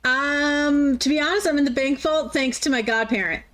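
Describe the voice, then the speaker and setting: A woman's voice: sits high, moderate pace, fairly bright tone, voice pushed up. A woman doing a stammering young daughter. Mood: explaining. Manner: stammering, repeats words. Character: young adult daughter calling her father.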